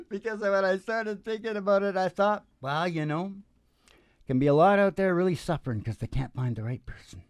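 A man in his sixties, a musician and show host, chats casually and jokingly on stage between songs at a small live music venue, rambling into a stand-mounted vocal mic. His voice is high-pitched and clean, at a moderate pace with long pauses, the recording dry, with acoustic guitar behind.

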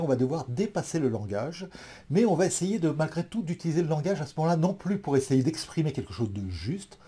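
Dark husky-voiced man lecturing. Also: fairly high pitch. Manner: thoughtful, many hesitations and restarts. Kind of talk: explanatory talk to an audience.

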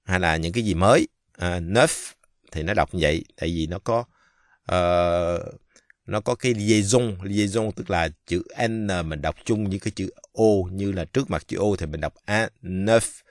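A man from Vietnam giving a casual pronunciation lesson, speaking slowly and haltingly with many fillers and drawing out the example words. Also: sits low, no echo, studio quality. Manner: slow, halting, many fillers, repeats French words drawn out. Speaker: French teacher.

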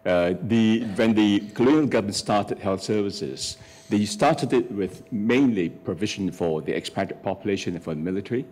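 A middle-aged man on a conference panel, speaking into a table mic, explaining policy in a measured way with frequent hesitations. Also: lowish voice, lively intonation, darkish tone. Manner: measured, explanatory, many fillers and restarts. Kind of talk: academic panel discussion. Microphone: table microphone.

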